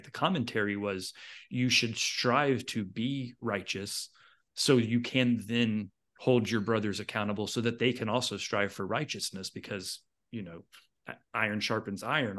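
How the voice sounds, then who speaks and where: A man with a lowish voice making his case in relaxed podcast conversation. He talks in earnest bursts, circling back with quick asides as he builds his argument. He uses plain, everyday speech. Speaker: podcast co-host. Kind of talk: casual discussion.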